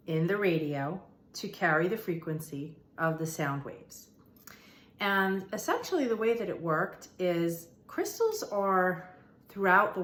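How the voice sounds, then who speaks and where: A woman with a lowish, slightly bright voice hosts a manifestation and meditation channel. In this informal spiritual explainer she talks to viewers conversationally and emphatically, repeating phrases to drive points home. The room sounds roomy and echoey.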